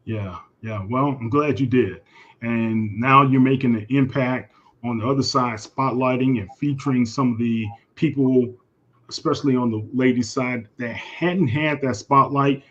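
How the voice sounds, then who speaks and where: Husky-voiced man hosting, lo-fi sound. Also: medium pitch, a little slow, fairly bright tone. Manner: conversational, asks long questions. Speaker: host. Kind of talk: casual interview.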